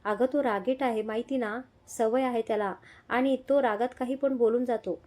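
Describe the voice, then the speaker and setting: Woman reading as a gentle, soothing mother-in-law. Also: fairly high pitch, fairly even intonation, moderate pace, close to an everyday voice. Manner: soothing, affectionate. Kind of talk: audio story reading.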